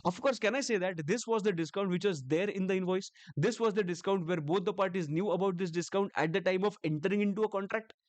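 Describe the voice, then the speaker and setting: A man with an Indian English accent leads an exam revision lecture, switching between Hindi and English as he goes. His voice sits a little high for a man, and the recording is close and dry with no room sound. He fires quick check-in questions at his students and slows right down on the key phrases. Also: no echo. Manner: quizzing students with rhetorical questions, drawing out key phrases slowly; mixing Hindi and English in one sentence. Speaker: tax teacher.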